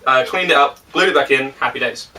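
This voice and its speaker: A man's voice: medium pitch, fast, sharp tone. A man hosting a casual podcast chat among friends, telling stories with plenty of laughter and jokes. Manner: laughing, joking storyteller. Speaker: podcast host. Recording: distant mic with faint noise.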